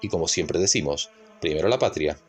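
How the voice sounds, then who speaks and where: A man narrating a scripted history essay in a measured, didactic way, posing rhetorical questions. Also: very deep voice, expressive, soft background music.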